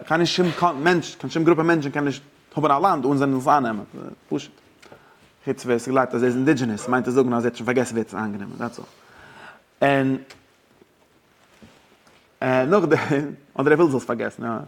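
A man giving an informal religious lecture, halting and searching for words as he explains, and dropping in English terms. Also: on the high side.

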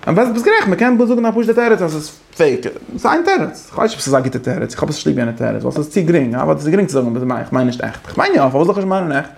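A man giving a casual, animated lecture that switches between languages, with many halting restarts. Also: fairly high pitch, gravelly. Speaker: teacher.

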